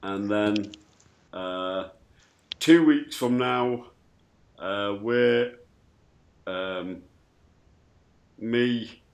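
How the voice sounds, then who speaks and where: A man hosting a casual live radio show, speaking haltingly and often trailing off mid-phrase. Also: on the low side.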